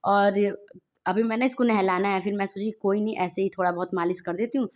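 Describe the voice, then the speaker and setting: A woman's voice: mid-range voice, fairly even intonation, fairly quick, a little mellow. Chatty young woman vlogging at home. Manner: chatty, rambling, addresses viewers directly. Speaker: vlogger and mother. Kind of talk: casual home vlog chat. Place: at home indoors.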